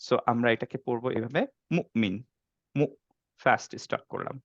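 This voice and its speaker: A man's voice: medium pitch, moderate pace, a bit bright, no room sound, dull audio. A man teaching Quran recitation in an online class, patiently demonstrating letter sounds and checking if students follow. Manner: patient, checks understanding with frequent "okay?". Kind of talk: online tajweed class, Bengali mixed with English.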